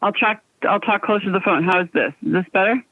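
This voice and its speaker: A man's voice: high voice, quick pace. A man calling in to a public meeting, speaking with his phone held away from his mouth so he sounds faint and distant, checking whether he can be heard. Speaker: call-in public commenter. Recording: dull, dry phone line.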